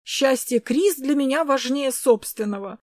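A woman's voice: high voice, a little slow, a little mellow, no echo, clean studio sound. Woman reading a mocking, spiteful young woman, audiobook style. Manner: sneering, taunting.

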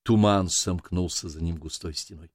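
A man narrating an audiobook in an even, measured reading voice. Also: sits low, no room sound, clean studio sound. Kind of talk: scripted narration.

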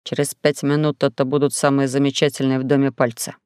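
A woman voicing a cheerful, playful male alien star traveler in an audiobook, speaking in a lowered, coaxing tone. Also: little pitch movement, fast talker, a little mellow, smooth, no echo, clean studio sound. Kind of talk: audiobook character voice.

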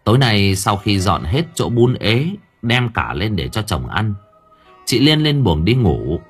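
A man with a husky, fairly low voice narrates a story. His pitch rises and falls in an animated storytelling manner. Faint music plays underneath. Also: unhurried. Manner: expressive, lively storytelling. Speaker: audiobook narrator.

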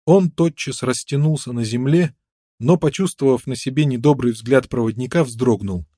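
A man narrating an adventure novel in a measured, dramatic reading. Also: mid-range voice, dark tone, no room sound, studio quality. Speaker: audiobook narrator. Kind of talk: scripted narration.

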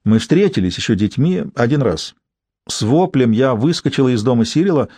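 A man reading the part of a cool, sharp-tongued educated woman with a precise manner. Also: medium pitch, animated, fairly quick, no echo, studio quality, natural voice. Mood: recounting.

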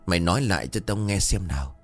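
A man's voice: sits low, expressive, fast, faint music behind. A man voicing a stern older mother who scolds her son bluntly.

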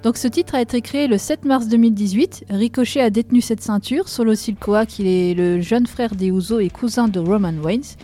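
A woman's voice: a little high, moderate pace, hardly any pauses, mellow, faint music behind. A woman co-hosting a casual podcast chat, chatty and laughing often. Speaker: podcast co-host.

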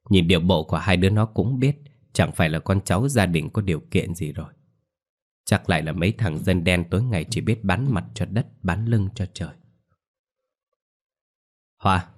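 A man voicing a cruel, scornful old village landlord scolding his daughter. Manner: stern, scornful, low and clipped.

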